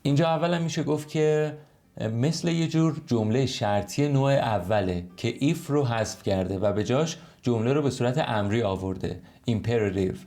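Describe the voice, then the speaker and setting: A man teaching an online English lesson in Persian, explaining patiently and slowing right down to model English sentences. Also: medium pitch, a little mellow, faint music behind.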